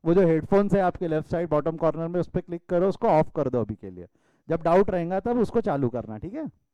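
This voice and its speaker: A man from India teaches a commerce class online, his voice pitched high for a man yet mellow and smooth. The sound is close and dry, with no room in it. He mixes into his teaching and teases his students in a fatherly way. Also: expressive, brisk, dry recording, highs cut off. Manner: addresses students as beta, scolds playfully. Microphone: video call.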